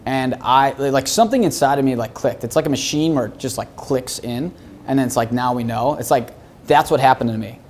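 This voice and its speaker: A man talks fast and bluntly in a casual interview, swearing freely as he tells animated stories. His voice sits in a middle register, and his quick, punchy delivery rarely slows down. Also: medium pitch, a little hiss or hum. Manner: blunt, profane, animated storytelling. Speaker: real estate broker, guest.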